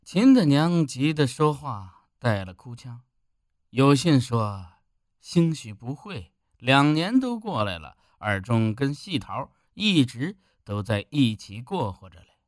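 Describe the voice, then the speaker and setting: A man's voice: medium pitch, sing-song, slow, no room sound, clean studio sound. A man narrating a village story in an emphatic storytelling manner. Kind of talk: audiobook narration.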